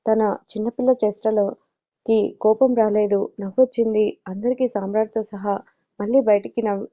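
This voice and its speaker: A woman storyteller reading an audiobook in a steady, even way. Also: mid-range voice, normal speed. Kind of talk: audiobook narration. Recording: dull lo-fi recording.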